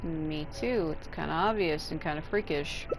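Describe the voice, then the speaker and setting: A woman with a deep voice and moderate pace does a let's play, casually commenting on the game and reading choices aloud with a blunt, sarcastic edge. The rough recording carries a noisy crowd and video game music behind her.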